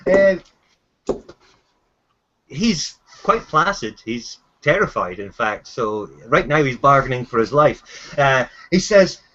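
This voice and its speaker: A man narrating as dungeon master in a tabletop game, halting and restarting his sentences. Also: mid-range voice, sing-song, pushed and bright. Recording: dull lo-fi home recording.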